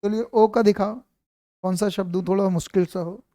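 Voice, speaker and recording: A man's voice: high-pitched, fairly even intonation, normal speed, warm tone, no echo. A man teaching an online grammar class, quizzing his students and repeating his questions.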